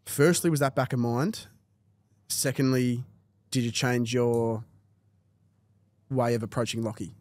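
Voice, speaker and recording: A man's voice: mid-range voice, fairly even intonation, measured pace, long pauses, a little mellow, no room sound. A man hosting a podcast interview, asking friendly prompting questions. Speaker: podcast host.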